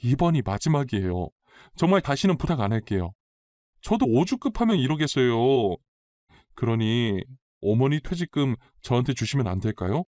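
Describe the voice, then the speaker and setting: A man's voice: mid-range voice, very animated, moderate pace, a little mellow, no echo, clean studio sound, lightly acted. A man voicing a demanding young daughter-in-law who talks insistently and defiantly, for a dramatized story reading. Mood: pleading.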